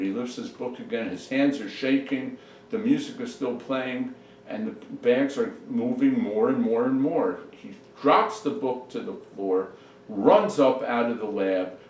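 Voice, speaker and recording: A man telling a long joke in a brisk, matter-of-fact way, recorded from far off in an echoey room with faint noise behind. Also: medium pitch. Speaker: joke teller. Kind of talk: storytelling a joke.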